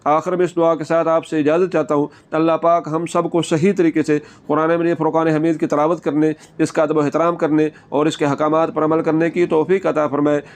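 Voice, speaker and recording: A man teaching Quran recitation, explaining each rule patiently and repeating slow, drawn-out model readings. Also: on the high side, little pitch movement.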